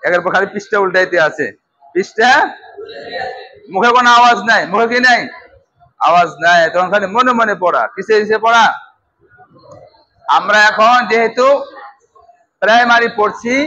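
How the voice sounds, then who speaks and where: High, bright-voiced man drilling a class. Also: muffled recording. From Bangladesh. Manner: drills a class, often raising his voice. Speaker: Quran teacher. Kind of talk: classroom teaching with call and response. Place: classroom with a group of learners.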